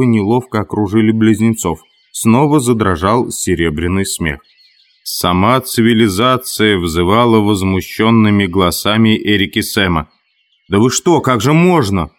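Brief: male audiobook narrator, lower voice, dramatic expressive reading. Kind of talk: scripted narration.

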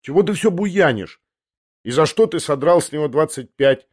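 A man reading an audiobook, voicing a nervous, gentle young man who speaks in a hurried, higher voice. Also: animated. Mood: scolding.

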